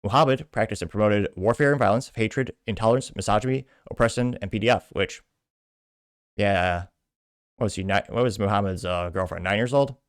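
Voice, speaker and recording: A man from the American Midwest hosts a podcast where he reads posts aloud and drifts into informal political commentary. His low-sided voice is clean in tone and fairly quick, recorded at studio quality without echo.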